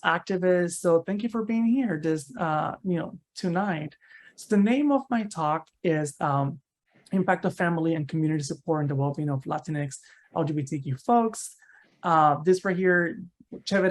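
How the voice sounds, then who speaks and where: A man from Cuba, a university researcher giving an online seminar talk over a video call in a conversational way, often tagging his sentences with "right?" and restarting phrases. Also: on the high side.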